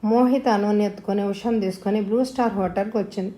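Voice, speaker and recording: Woman reading a novel out loud, soft mellow voice, acts out the talking parts. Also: mid-range voice, steady tone, fast. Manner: voices dialogue with rising emotion. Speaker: audio novel narrator. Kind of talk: storytelling narration with dialogue.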